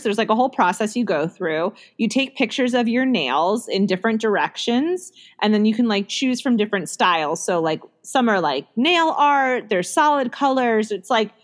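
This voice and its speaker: A woman in her thirties co-hosting a podcast, chatting casually and laughing often, with plenty of likes and ums. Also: mid-range voice. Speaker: podcast co-host. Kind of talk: casual chat.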